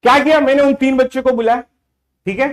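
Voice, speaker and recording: Teaching math at a quick pace, a man with an extremely high voice and fairly even intonation keeps telling students to stop commenting and listen. His teasing, casual classroom lecture switches between Hindi and English.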